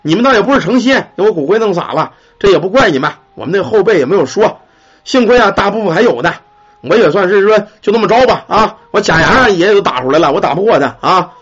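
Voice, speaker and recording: A beaten old ghost man, as a male storyteller puts him on, grumbling and stammering in a husky voice that swings high and low. The lo-fi recording sounds dull. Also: lively intonation, fast, fairly bright tone, full character voice. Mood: grudging.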